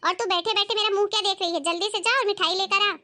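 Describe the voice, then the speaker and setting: A woman's voice: extremely high pitch, steady tone, fast talker, sharp tone. A woman playing a short-tempered, bossy daughter-in-law in a comedy family skit, scolding sharply and sarcastically.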